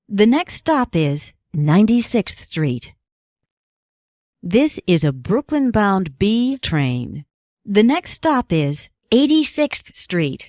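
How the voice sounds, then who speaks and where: An American woman acts as an automated announcer, reading scripted subway announcements in measured, segmented phrases. Her pitch is medium, there's no echo, and the audio sounds dull.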